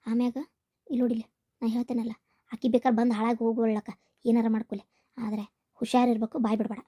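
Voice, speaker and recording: A woman with a North Karnataka Kannada accent, playing a scheming village housewife who gives hushed, bossy instructions. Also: fairly high pitch, little pitch movement, fast, lightly acted. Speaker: scheming homemaker in a family skit. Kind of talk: village family drama acting.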